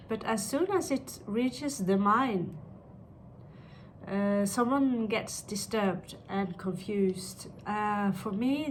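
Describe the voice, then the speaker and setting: Woman doing a fortune teller tarot reading, talks slow w lots of pauses, some noise behind her. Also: medium pitch, rough recording. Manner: fortune-teller way of pronouncing on what the cards show; halting, pausing between short phrases. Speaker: tarot card reader. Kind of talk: unscripted tarot and astrology reading.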